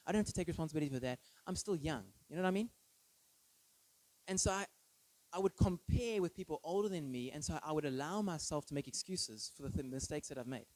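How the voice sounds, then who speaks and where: This preacher, a man of thirty, has a fairly high and slightly mellow voice, captured in poor audio. He delivers a relaxed, chatty sermon built on personal anecdotes, often tossing short tag questions to the congregation.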